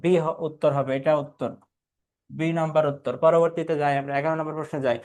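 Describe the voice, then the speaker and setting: A young man with a Bangladeshi Bengali accent teaches an exam revision class. His voice sits a little high for a man. He keeps asking questions, answers them himself, and calls out students by name. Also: steady tone, quick pace, a little mellow. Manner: quizzing and answering his own questions, calling out students' names. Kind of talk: live online exam-review class.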